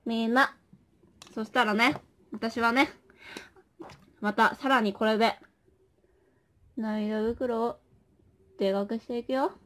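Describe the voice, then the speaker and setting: A young woman chatting casually with viewers as a livestream host, playful and animated, often exclaiming as she reacts. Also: on the high side, slow pace, long pauses. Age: young adult. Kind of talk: casual chat with viewers during a makeup stream. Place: small indoor room.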